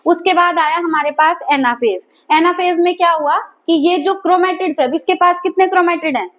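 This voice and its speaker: A woman's voice: very high voice, normal speed, fairly bright tone. A woman teaching a biology class, asking her students questions and repeating their answers. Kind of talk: classroom lecture.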